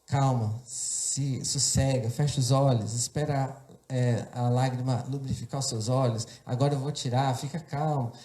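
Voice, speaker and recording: A man voicing a calm, gentle mother who soothes her hurt son with steady, reassuring commands. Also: mid-range voice, normal speed, few pauses, echoey room, pitched below the performer's own voice, lightly acted. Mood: soothing.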